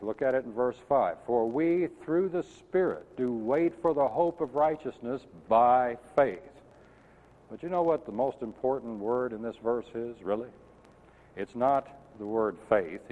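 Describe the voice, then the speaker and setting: A man's voice: mid-range voice, a little mellow. A man preaching a sermon, teaching earnestly and emphatically and asking his listeners questions. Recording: tinny lo-fi sound in a reverberant hall.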